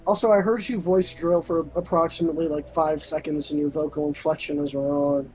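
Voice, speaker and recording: A man's voice: on the high side, fairly even intonation, a little fast, darkish tone, soft background music, rough recording. A man playing in a tabletop game, talking bluntly and animatedly with his friends after the session. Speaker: player. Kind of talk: casual post-session chat.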